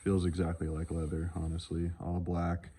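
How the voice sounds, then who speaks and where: With a deep, mellow, slightly breathy voice and a completely flat delivery, a man talks at a moderate pace about modifying his truck. It's a laid-back, unscripted handheld vlog with an offhand feel.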